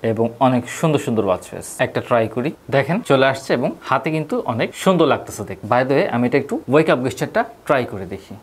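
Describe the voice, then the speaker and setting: Fast-talking low-voiced woman. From Bangladesh. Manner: chatty, keeps addressing viewers directly, mixes in English words. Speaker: tech shop product reviewer. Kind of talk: casual hands-on product review.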